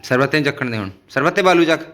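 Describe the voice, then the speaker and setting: A man's voice: a little high, expressive, rapid-fire, fairly bright tone. A man hosting a casual family vlog, calling out items in a game and coaxing the children with repeated phrases. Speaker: vlogger running a family game.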